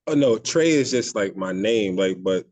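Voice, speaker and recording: A man chatting casually as a podcast guest, high, with a laid-back stoner way of talking. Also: animated, moderate pace, darkish tone, no room sound. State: high on marijuana. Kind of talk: casual chat.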